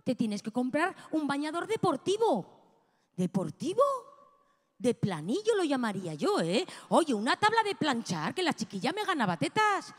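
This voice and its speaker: A woman, doing an animated, bawdy stand-up monologue full of crude slang on a gala stage. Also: high voice, moderate pace, few pauses, in a large hall. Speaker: stand-up comedian. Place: gala stage before a live audience.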